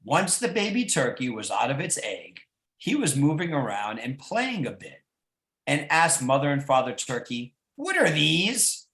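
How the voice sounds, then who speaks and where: A man reading a children's story aloud as a storyteller, with an animated, coaxing manner. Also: mid-range voice, moderate pace. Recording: echoey room.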